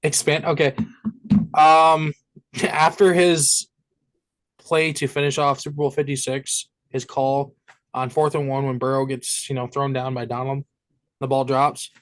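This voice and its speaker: Male co-host, middle pitch, loose and animated, swears casually. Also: unhurried, rough recording. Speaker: sports podcast co-host. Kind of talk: casual chat.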